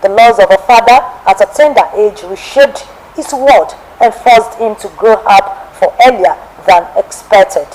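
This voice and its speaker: A woman from Nigeria hosting a television testimony program and reading a formal, measured biographical narration. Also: mid-range voice, a little mellow, slight background noise, low-quality recording.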